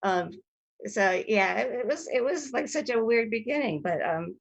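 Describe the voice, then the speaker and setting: A woman in her fifties, an actress being interviewed over a video call, telling rambling, animated stories from her career and often breaking off mid-sentence. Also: fairly high pitch, moderate pace, slightly rough, no room sound, lo-fi sound. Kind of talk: casual storytelling interview.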